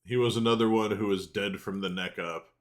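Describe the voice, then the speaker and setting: A deep-voiced, gloomy servant of a mage, put on by a man reading a game aloud. He grumbles at length in archaic phrases, morose and resentful. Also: steady tone, a little fast, close to an everyday voice. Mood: sardonic. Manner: archaic, morose, long-winded. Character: grumbling male assistant to a mad mage. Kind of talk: game dialogue read aloud.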